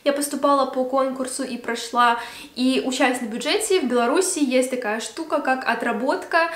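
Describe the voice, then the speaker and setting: Young woman, from Belarus, higher voice, chatty and filler-heavy, roomy echo. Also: normal speed. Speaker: beauty vlogger. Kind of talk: casual Q&A vlog. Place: room at home by a Christmas tree.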